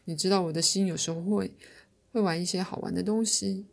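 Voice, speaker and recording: A woman's voice: lowish voice, steady tone, a little fast, vocal fry. Woman reading as a wry newly dead man.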